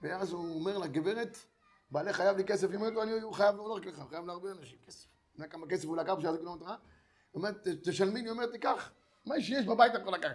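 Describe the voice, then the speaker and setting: High-voiced man telling a lively sermon story. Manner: animated storyteller who acts out the dialogue of characters. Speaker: rabbi giving a Torah lesson.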